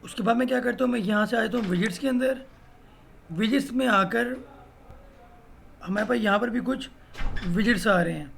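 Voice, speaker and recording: A man with a fairly high, gravelly voice walks through a software tutorial one click at a time. He explains each step plainly in a teacherly way, tossing in "भाई" as he goes. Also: a little hiss or hum. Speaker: web design instructor. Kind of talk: screen-recorded software tutorial.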